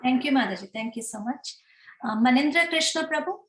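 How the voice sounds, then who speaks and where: A woman's voice: high-pitched, expressive, a little fast, echoey room. A woman moderating an online meeting, politely calling on each participant by name in brief phrases. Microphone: video call.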